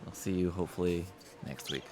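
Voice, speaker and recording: A man's voice: low-pitched, brisk, dark tone. A man co-hosting a game stream, joking, swearing casually and humming tunes. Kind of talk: casual gameplay chat. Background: game music.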